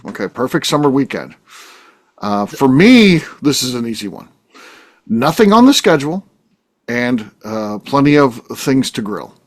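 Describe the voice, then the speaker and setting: A podcast co-host reads sponsor spots and trades jokes with guests in lively, casual conversation. He speaks at a medium pitch and a measured pace.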